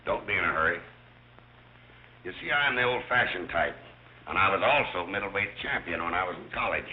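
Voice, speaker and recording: A man's voice: low voice, lively intonation, fairly quick. Blustery exasperated father, swooping delivery. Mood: suspicious. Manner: blustery screwball comedy banter. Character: gruff, exasperated wealthy family father. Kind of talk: 1930s film comedy acting. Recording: muffled old film soundtrack.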